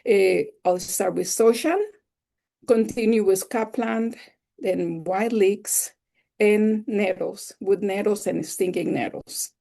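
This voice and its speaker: Slow, gravelly woman. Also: medium pitch, dark tone. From El Salvador. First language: Spanish. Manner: enthusiastic, explanatory. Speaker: webinar instructor. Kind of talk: slide-based webinar lecture.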